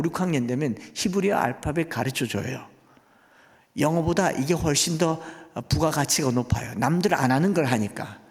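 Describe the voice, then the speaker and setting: A male guest pastor preaching a sermon in a church, pressing his congregation with rhetorical questions. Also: fairly high pitch. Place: church sanctuary. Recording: long church hall reverb.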